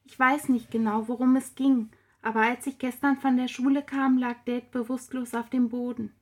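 Woman doing a teenage girl, tearful, shaken, quiet and halting, somewhat high, storybook reading. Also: flat delivery, lightly acted.

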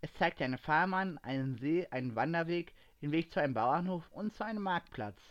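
A man reading a fantasy adventure story aloud in steady narration. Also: a little high, moderate pace, no echo, dull audio.

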